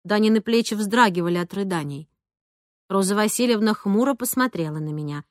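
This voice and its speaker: A young woman narrating a story in first person, with lively, expressive delivery. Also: mid-range voice, brisk, no room sound, clean studio sound. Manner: lively, expressive dialogue reading. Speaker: audiobook narrator.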